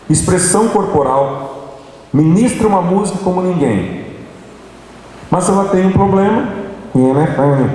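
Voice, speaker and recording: Lively man speaking in an echoey hall. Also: high-pitched, distant mic. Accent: Brazilian Portuguese. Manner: animated, playful, addresses audience directly. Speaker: workshop speaker. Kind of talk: church workshop talk. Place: large hall. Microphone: handheld microphone.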